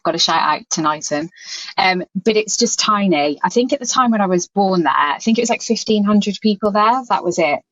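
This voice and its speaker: A woman's voice: mid-range voice, expressive, brisk, a bit bright, no room sound, highs cut off. A woman from mid Wales talking casually as an interview guest, chatty and informal. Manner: chatty and informal, peppered with 'like' and 'you know'. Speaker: podcast guest, workplace wellbeing consultant. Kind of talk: casual conversational interview answers.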